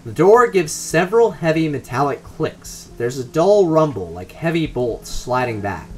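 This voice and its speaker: A man's voice: on the high side, very animated, normal speed, a little mellow, slight background noise. Man narrating a game playthrough. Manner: reads descriptive game text aloud, casual asides. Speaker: let's play host reading game text.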